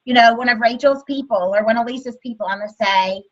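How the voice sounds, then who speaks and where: A woman's voice: a little high, quick pace, lo-fi sound. A woman, a sales field manager, giving an upbeat, chatty team training talk.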